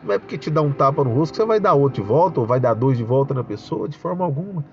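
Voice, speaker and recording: A man's voice: mid-range voice, lively intonation, rapid-fire, muffled recording. A Brazilian man giving a fervent spoken religious testimony, calling his listeners brothers and breaking into praise. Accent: Brazilian Portuguese. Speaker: church member giving a testimony. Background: noisy motorbikes passing outside.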